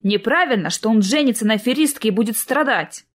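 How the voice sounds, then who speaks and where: A woman reading the lines of a brisk, teasing writer who schemes on her sister's behalf. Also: a little high, animated. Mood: firm.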